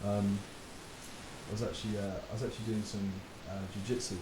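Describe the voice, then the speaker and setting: A man's voice: on the low side, fairly quick. A man hosting a podcast as a personal trainer, talking casually and laughing easily, with the odd swear. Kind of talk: casual chat. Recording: roomy with steady hiss.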